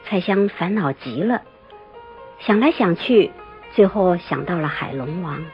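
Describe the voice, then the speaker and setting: A woman narrates a folktale with an animated, swinging pitch. Her voice sounds muffled and lo-fi, with soft music underneath. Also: a little slow. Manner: expressive, lively storytelling. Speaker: storyteller.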